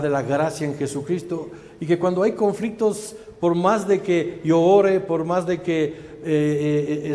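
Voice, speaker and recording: A man preaching to a congregation in a loud, slightly harsh voice, emphatic and full of rhetorical questions. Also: a little high. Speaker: church speaker, preacher. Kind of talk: preaching testimony. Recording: reverberant church hall.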